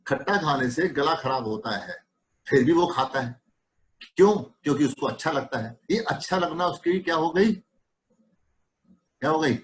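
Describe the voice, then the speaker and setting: Man teaching with rhetorical questions, higher voice. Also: animated, normal speed, pauses often, poor audio. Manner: conversational, fires rhetorical questions, acts out dialogues. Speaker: homeopathy teacher. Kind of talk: webinar lecture to students.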